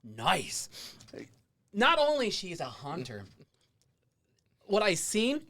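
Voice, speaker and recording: A man's voice: high-pitched, wildly swooping pitch, takes it slowly, bright, forceful tone, dry recording. A man hosting a podcast with effusive, casual talk that repeats itself and slips into hyped announcing and swearing. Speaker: podcast host.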